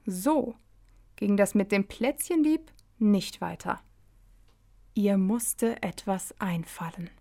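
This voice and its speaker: Slow, measured woman storyteller. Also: mid-range voice, vocal fry, dark tone. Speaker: author reading her story on radio. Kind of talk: children's story reading.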